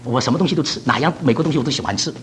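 A man's voice: medium pitch, racing, a little hiss or hum. An older man from China preaching a sermon, laughing often and mixing English words into his talk.

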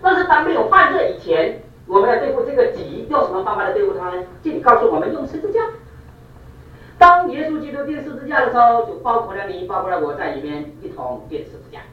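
A male preacher tells a story in an animated, quick-moving sermon and repeats points for emphasis. His pitch swings widely. He sounds far from the mic in a reverberant church hall, with dull, muffled sound. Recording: echoey, distant, dull hall recording.

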